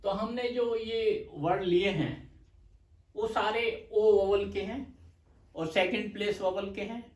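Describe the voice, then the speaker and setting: A man teaching a shorthand lesson, explaining patiently and repeating slowly for dictation, with terms spoken. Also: high-pitched. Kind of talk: slow explanatory lecture. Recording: echoey room, mic far off.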